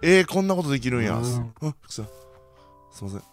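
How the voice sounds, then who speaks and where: A young man with a Kansai accent commentating his own game play, bursting into loud reactions and then muttering quietly. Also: very fast, soft background music. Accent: Kansai Japanese. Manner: excitable, reacts loudly to surprises, then mutters low. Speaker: gaming channel host.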